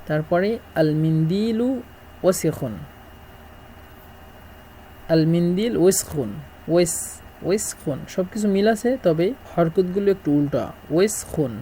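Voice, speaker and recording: A middle-aged man from Bangladesh, teaching a language lesson and repeating words slowly as he drills them. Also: high-pitched, warm tone, slight background noise, poor audio.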